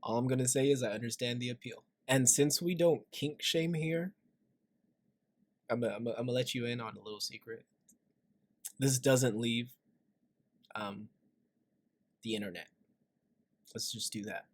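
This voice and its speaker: A man's voice: mid-range voice, moderate pace, long pauses. A man hosting a reaction video, joking through casual commentary and leaning into confiding asides that end in "right?".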